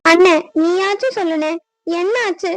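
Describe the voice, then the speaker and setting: Emotional, pleading village women in a cartoon, voiced by a woman. The voice is very high, almost childlike, and every line leans on feeling. The sound is dry and close, with no room around it. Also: normal speed, no room sound. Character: adult village women, sisters and wives. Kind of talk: cartoon dubbing.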